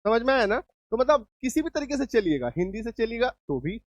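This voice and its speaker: A man teaching English spelling in a relaxed spoken lesson, often checking that students follow and reassuring them. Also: very high voice, a little fast, dry recording, lo-fi sound. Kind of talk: spoken Hindi lesson with students addressed directly.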